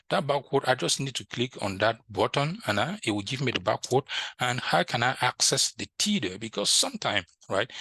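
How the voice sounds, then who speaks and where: In this computer tutorial, an IT instructor with a bright, forceful, medium-pitched voice talks over a shared screen in a very dry, echo-free recording. A native French speaker who moved to the US from a French-speaking country, he keeps repeating points and asking "right?"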